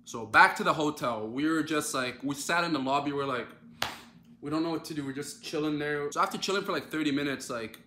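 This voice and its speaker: A young man from Canada telling an animated, dramatic storytime in a casual vlog. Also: fairly high pitch, brisk, echoey room, a little hiss or hum. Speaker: social media creator.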